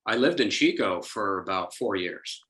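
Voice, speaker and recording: A man's voice: sits low, lively intonation, normal speed, a bit bright, slight background noise, rough recording. A man talking as a guest in a casual podcast chat, telling a story and acting out his own thoughts in quoted asides.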